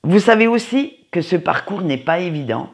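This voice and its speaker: Slow, creaky, sing-song tarot reader. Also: medium pitch, animated. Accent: non-standard French accent, kind not stated. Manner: unhurried, sing-song, frequent "hein" tags. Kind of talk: weekly tarot forecast, casual address to viewers. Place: home, by a window facing a tree.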